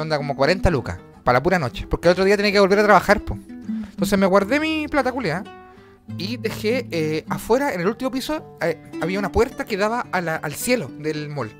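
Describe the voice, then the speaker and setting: A young Chilean man telling a long story in casual chat, rambling and slangy, swearing and acting out voices. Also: high voice. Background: guitar music.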